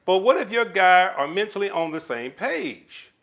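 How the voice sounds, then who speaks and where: This livestream host is a man whose voice sits high and moves at a moderate pace. He reads comments from viewers and dishes out relationship advice in an animated way, calling them "baby" and other pet names.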